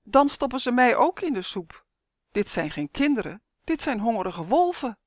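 A woman's voice: on the high side, sing-song, moderate pace, no room sound, studio quality, voice pushed up. Woman voicing a cheeky duck-shaped elf. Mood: cheerful. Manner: upbeat, teasing. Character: chirpy male elf in duck form, cheeky.

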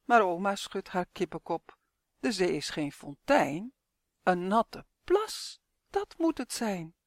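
A woman reading her own rhyming children's story aloud in a lively sing-song storytelling manner. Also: medium pitch, slow, no echo, studio quality. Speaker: author and reader. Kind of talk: storybook narration.

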